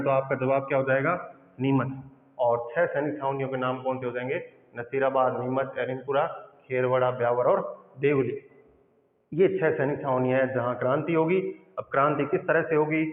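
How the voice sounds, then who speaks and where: A male teacher giving an exam-prep history lesson, asking quiz questions and answering them himself, repeating key points slowly. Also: fairly high pitch. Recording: echoey room on a tinny phone-like mic.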